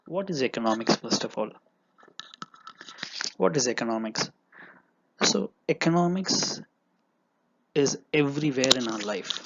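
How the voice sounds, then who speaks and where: A young man whose first language is Tamil gives an earnest economics lecture with examples, using many fillers and repeating himself. His voice is mid-range. The recording is dull and lo-fi, with background noise.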